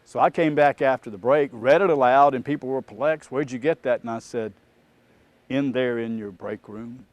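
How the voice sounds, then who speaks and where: A man who trains auditors, telling a work anecdote in an animated, casual storytelling way. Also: mid-range voice, normal speed, no echo. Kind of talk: storytelling talk.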